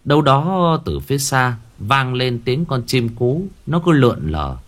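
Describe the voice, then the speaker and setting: A male storyteller narrating a ghost story with a lively, swinging pitch. His delivery is dramatic and expressive, set at a mid pitch. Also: unhurried.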